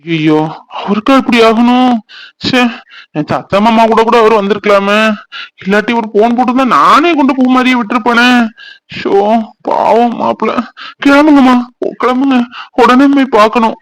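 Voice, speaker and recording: A man voicing an excitable, caring young brother in a cartoon, talking urgently. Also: very high-pitched, moderate pace, pauses often, no room sound. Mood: alarmed. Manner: alarmed, urgent. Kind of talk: cartoon voice acting.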